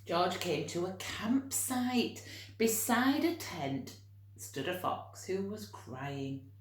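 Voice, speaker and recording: A woman reading a story to young children in an expressive storytelling style, with chatty asides. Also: lowish voice, slow, roomy sound.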